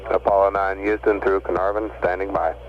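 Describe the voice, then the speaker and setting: A low, level male voice hails the spacecraft from mission control over a muffled 1960s space radio loop punctuated by beeps. He keeps a steady, matter-of-fact radio procedure under a light hiss. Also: fairly quick. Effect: space radio transmission with beeps. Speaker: capsule communicator at mission control. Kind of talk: space-to-ground radio exchange.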